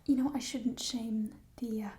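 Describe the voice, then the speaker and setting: A woman in an ASMR role-play as a playful, chatty thief, musing hesitantly in a burglar's hushed soft voice over stolen treasure. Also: on the high side, fairly even intonation, unhurried, lightly acted. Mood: curious, sly. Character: playful, chatty female thief showing off stolen coins in a fantasy world.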